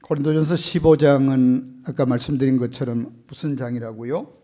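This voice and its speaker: A man preaching a sermon as pastor, rising to loud, urgent appeals and dropping to quiet asides, often asking the congregation questions. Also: mid-range voice, fairly even intonation, moderate pace. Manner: swings from loud impassioned preaching to soft hushed asides.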